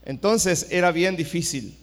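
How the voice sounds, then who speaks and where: A middle-aged pastor preaches with a fairly high voice, dropping to a hush and then rising to a shout as he tells his story. The sound carries the long reverb of a large church hall. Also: a little slow. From El Salvador. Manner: storytelling, swings from hushed to shouted. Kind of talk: sermon.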